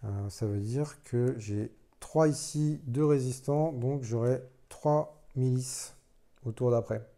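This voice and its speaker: Man, solo board game playthrough, thinking aloud, self-deprecating, deep mellow tone, mid pitch. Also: slow. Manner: thinking aloud while playing. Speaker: board game player explaining rules.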